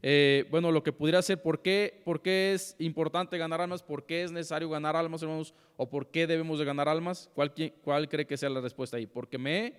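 A young man teaches a church Bible class, talking to his listeners in a conversational way and checking in with them often. His voice is smooth and resonant and sits a little high. It carries the long echo of a big hall. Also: steady tone, brisk, few pauses. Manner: conversational, often asks "¿sí?" and addresses "hermanos".

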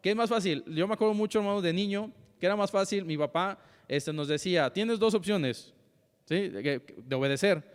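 A man's voice: high voice, a little fast, smooth. A young man teaching a church Bible class in a conversational way, often checking in with his listeners. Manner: conversational, often asks "¿sí?" and addresses "hermanos". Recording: long hall reverb.

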